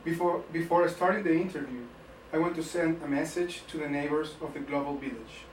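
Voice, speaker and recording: Casting note: fairly high-voiced male host, earnest, echoey distant mic. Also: fairly even intonation, fairly quick, a little hiss or hum. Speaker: interview host, editor. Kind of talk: scripted opening then interview questions.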